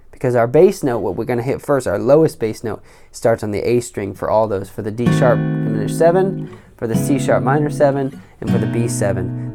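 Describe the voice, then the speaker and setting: A man giving an instructional guitar lesson in a careful, unhurried way, explaining step by step. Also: medium pitch, dark tone. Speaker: guitar teacher. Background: acoustic or electric guitar playing.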